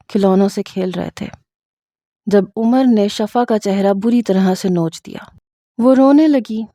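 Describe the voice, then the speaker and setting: Mellow-voiced woman storyteller. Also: mid-range voice, no room sound, clean studio sound. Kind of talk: scripted romance story narration.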